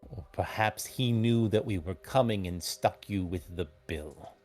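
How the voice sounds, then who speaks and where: A shrewd merchant who speaks slowly and formally, as a man voices him, his voice low and deep. He does not budge on a debt, with faint music behind. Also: a little mellow. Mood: cool. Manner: measured, formal and unyielding. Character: shrewd businesslike male merchant collector.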